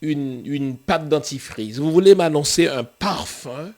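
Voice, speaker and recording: A man's voice: fairly high pitch, measured pace. A man, a pastor and host, giving an emphatic sermon-like talk with rhetorical questions and frequent chuckles. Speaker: pastor and theologian hosting a show.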